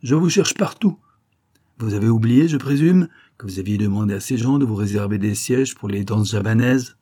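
A man reading aloud voicing an irritable, bossy woman in a shrill, scolding manner. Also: fairly even intonation, a little fast, mellow, dry recording, studio quality, lightly acted.

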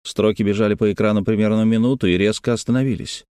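A man narrating a novel as an audiobook, reading in a steady, even way. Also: lowish voice, fast talker, smooth, dry recording, clean studio sound. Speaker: audiobook reader. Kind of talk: scripted narration.

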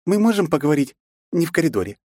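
A man's voice: a little high, sing-song, fast, warm tone, no echo, studio quality, voice pushed up. A man reading an audiobook, voicing a sad, formal young woman princess in a polite, subdued way.

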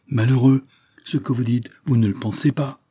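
A man's voice: mid-range voice, steady tone, moderate pace, mellow, husky, pitched above the performer's own voice, lightly acted. Valentine, a resolute young noblewoman voiced by a man. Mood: reproachful. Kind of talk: audiobook reading of a classic novel.

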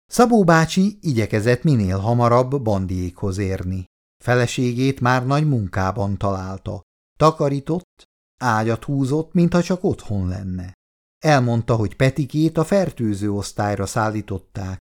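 A man reading a story aloud in a measured storytelling manner. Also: medium pitch, expressive, a little mellow. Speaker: narrator.

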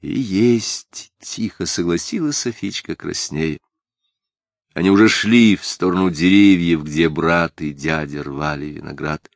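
A man reading a story aloud as narrator with an expressive, storytelling delivery. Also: deep voice, a little slow, vocal fry, dry recording, clean studio sound.

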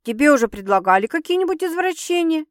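A woman's voice: high-pitched, very animated, quick pace, no echo, studio quality, voice pushed up. A woman voicing a brash, teasing young woman who scolds her sister bluntly and mockingly.

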